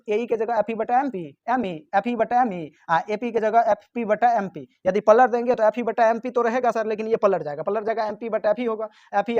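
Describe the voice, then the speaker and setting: A man's voice: sits high, muffled recording. A man teaching physics exam questions, teasing and scolding his students, sometimes answering for them. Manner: answers for students himself in their voice. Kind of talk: exam-prep lesson, question by question.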